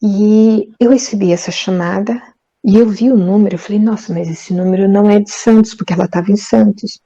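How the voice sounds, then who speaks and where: A woman's voice: mid-range voice, fairly even intonation, a little fast, mellow. An older woman from Brazil, an interview guest telling her life story with emotion, often repeating words and acting out dialogue. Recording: dull lo-fi audio.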